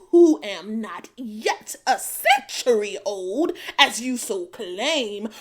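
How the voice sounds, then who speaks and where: A gentle, weary old witch, as a woman plays her in a fairy-tale audio drama. She speaks softly in a high, lilting voice that rises and falls widely. Every word comes slow and considered. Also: exaggerated voice. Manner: soft-spoken, slow, lilting.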